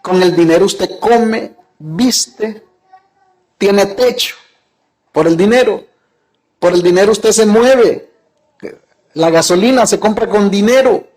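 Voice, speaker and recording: A man's voice: high voice, slow, pauses often, darkish tone, poor audio. A man preaching a sermon as pastor, retelling a parable in his own words, quoting its dialogue, and putting rhetorical questions to his congregation.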